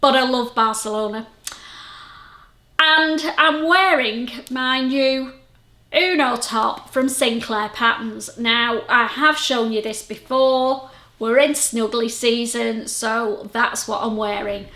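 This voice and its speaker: Talking slowly about her sewing vlog, this Lancashire woman's voice sits on the high side, pushed and bright. She's middle-aged, friendly and self-deprecating, rambling to a camera-mounted mic in an echoey room at home.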